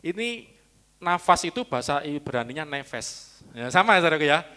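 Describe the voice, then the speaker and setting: A man's voice: fairly high pitch, big pitch swings, moderate pace, bright, forceful tone, clean tone. A man preaching a Sunday sermon, teaching and explaining original-language words with chatty asides. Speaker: pastor.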